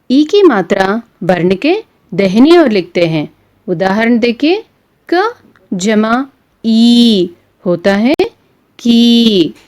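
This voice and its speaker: A woman teaching a Hindi lesson, reciting letters and syllables slowly one by one. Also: mid-range voice, darkish tone. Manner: slow, measured, syllable by syllable.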